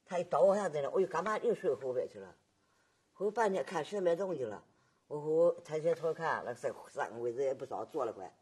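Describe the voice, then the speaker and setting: A woman, recounting her memories in halting, repetitive testimony and often asking her listener whether they follow. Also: sits low, animated, darkish tone, breathy edge. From Nanjing, China. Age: 80s. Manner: halting, repetitive storytelling with frequent tag questions. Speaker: survivor giving testimony. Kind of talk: oral history testimony.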